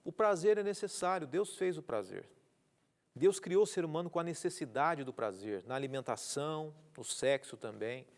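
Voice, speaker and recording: Brazilian pastor teaching on TV. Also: male voice, fairly high pitch, expressive, normal speed. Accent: Brazilian Portuguese. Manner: earnest, repeats key words, asks rhetorical questions; reads out viewer messages with greetings. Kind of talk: televised Bible study teaching. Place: TV studio.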